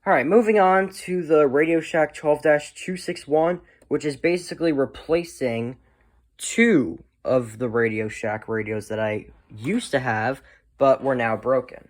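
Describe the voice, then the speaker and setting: This man speaks at medium pitch and an unhurried pace, chatting loosely as a collector showing off items on video. His talk wanders, and sentences tend to fade out unfinished.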